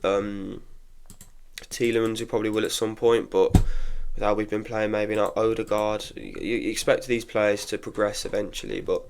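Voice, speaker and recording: Sick and congested, the young man gives his candid takes in a casual solo football review, stumbling into many restarts. His voice is fairly low, level and creaky, delivered at normal speed, with noise in the background.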